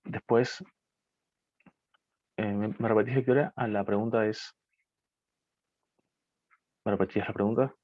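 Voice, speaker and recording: A man gives a casual webinar talk on learning Mandarin. He hesitates and restarts often, and grows animated when he tells anecdotes. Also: lowish voice, a little slow, long pauses, dry recording. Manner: hesitant, many restarts and fillers, animated when telling stories. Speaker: Mandarin teacher speaking at a webinar. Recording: dull lo-fi video call audio, faint noise.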